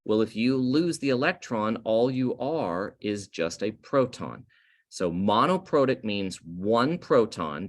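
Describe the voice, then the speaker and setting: A male chemistry teacher with a lowish voice walks through slides in a recorded lecture, taking it slowly, leaning on key terms and correcting himself mid-explanation.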